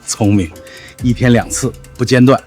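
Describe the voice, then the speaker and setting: A man's voice: mid-range voice, fairly even intonation, normal speed, a little mellow, faint music behind, natural voice. A man playing a scheming, oily restaurant villain, sly and smug, in a short drama.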